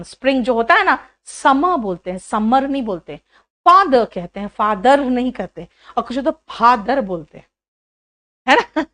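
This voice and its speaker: A woman's voice: sits high, a bit bright. A woman English teacher from India, giving an online class and quizzing her students, calling them "beta". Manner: addresses students as beta, asks quiz questions.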